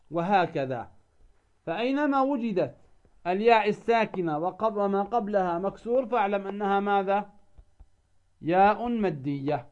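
High-voiced man teaching Quran recitation. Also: dull audio. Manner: asks the listener a question, then answers it himself; drawn-out chanted recitation of verses. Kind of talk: tajweed lesson.

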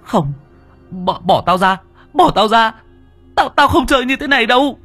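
A man voicing a frightened young boy in an audiobook, his voice pushed high and strained. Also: expressive, measured pace, gravelly, slightly rough, no echo, soft background music, heavily acted. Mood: panicked.

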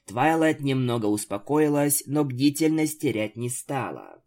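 A man reading the narration of a fan story in a steady storytelling manner. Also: mid-range voice, unhurried.

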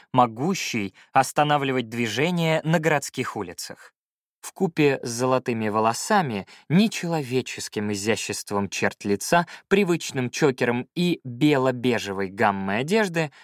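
A man reading a first-person story aloud with expressive, wry storytelling. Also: mid-range voice, dry recording, clean studio sound. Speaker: audiobook narrator. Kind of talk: scripted first-person narration.

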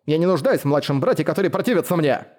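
A man voicing a proud, fiery young woman warlord who scolds and shouts insults. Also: on the high side, lively intonation, rapid-fire. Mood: cold, stern. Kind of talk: audiobook character voice.

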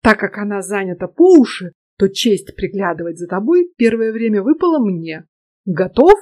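A woman's voice: mid-range voice, lively intonation, normal speed, a little mellow, close to an everyday voice. A woman voicing a cocky, brash young female student who teases in a sassy, slightly raised voice. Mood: teasing. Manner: teasing, sassy.

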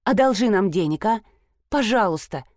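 A woman's voice: medium pitch, lively intonation, unhurried, a little mellow, no echo, studio quality, lightly acted. A woman voicing a frustrated grown daughter, an artist who squeals and pleads in a tense, strained voice. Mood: pleading.

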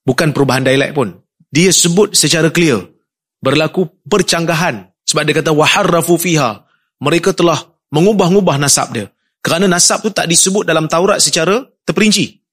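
A man co-presenting in a scholarly discussion, measured and firm as he repeats points for emphasis. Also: on the high side, fairly bright tone, slightly rough. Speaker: co-presenter at an academic review.

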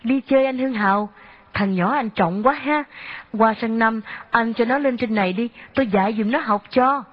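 A woman reading an audiobook, voicing an earnest, worried young woman who asks soft, pleading questions. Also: fairly high pitch, normal speed, natural voice. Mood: gentle. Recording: dull lo-fi audio.

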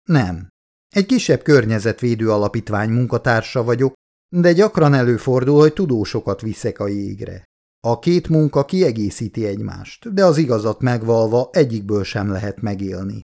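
A man voicing a calm, dry-witted young woman who guides scientists on the ice, explaining things patiently and matter-of-factly in an audiobook. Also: mid-range voice, creaky. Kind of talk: audiobook character voice.

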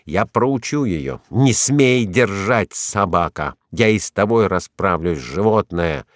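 A man voicing a furious, jealous young wife who screams insults and threats in a shrill, venomous voice. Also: expressive, takes it slowly, dry recording, clean studio sound.

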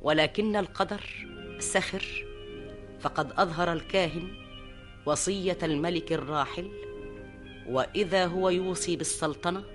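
A man narrating a tale in a theatrical, formal rhymed storytelling style, declamatory and measured. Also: on the high side, fairly bright tone. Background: music.

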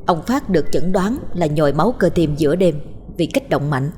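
A woman narrating a horror story in a measured, suspenseful storytelling manner. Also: low voice, animated, noisy background.

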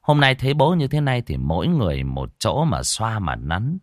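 A man narrating a spoken story in a lively, colloquial, earthy way. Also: fairly low pitch, moderate pace, no echo, studio quality.

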